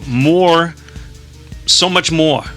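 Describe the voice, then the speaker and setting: A man co-hosting a casual podcast, joking loosely and swearing while reading out plugs and shout-outs. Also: on the high side, very slow, faint music behind. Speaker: podcast co-host. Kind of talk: casual chat.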